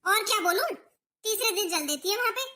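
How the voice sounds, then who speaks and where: A woman's voice: very high voice, animated, a little fast, a little hiss or hum, full character voice. A woman voicing a nagging, sarcastic mother-in-law in a cartoon. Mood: scolding. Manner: sharp, scolding, sarcastic. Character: nagging scolding middle-aged mother-in-law. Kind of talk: cartoon voice acting.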